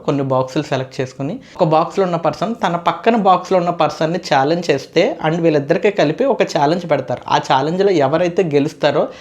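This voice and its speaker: A man's voice: fairly high pitch, darkish tone. A man giving a casual, opinionated episode review as a show reviewer, chatty and mixing in English phrases.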